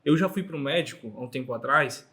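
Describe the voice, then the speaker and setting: A man's voice: medium pitch, fairly quick, sharp tone. A man co-hosting a casual podcast chat, cutting in to clarify and add his own points. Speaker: podcast co-host.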